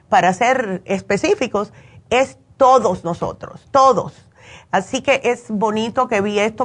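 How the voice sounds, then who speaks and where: This chatty radio call-in host is a high-voiced woman born in Cuba and raised in the United States. Her talk is conversational advice with personal anecdotes, and she frequently seeks agreement with tag questions.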